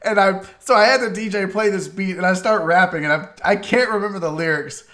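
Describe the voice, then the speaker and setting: A man's voice: high-pitched, fairly quick, a bit bright. A man in his forties hosting a casual radio talk show, telling stories animatedly and swearing freely. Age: 40s. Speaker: host.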